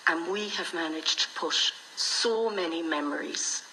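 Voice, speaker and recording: A woman's voice: on the low side, measured pace, sharp tone, slight background noise, poor audio. A middle-aged woman with an Irish accent, telling her own story frankly and reflectively as an interview guest. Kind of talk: candid personal storytelling in conversation.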